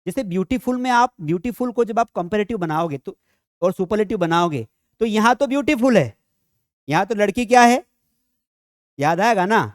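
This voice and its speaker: A man's voice: sits high, normal speed, no room sound. Chatty male teacher, dry close sound. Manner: lively, asks students rhetorical questions, jokey asides. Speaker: grammar teacher. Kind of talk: classroom lecture.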